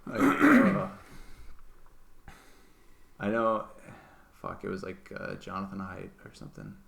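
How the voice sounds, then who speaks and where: Podcast co-host, young man, very low gravelly voice, loose and profane. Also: little pitch movement, moderate pace, heavy background noise. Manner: swearing, filler-heavy, rambling. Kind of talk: casual chat.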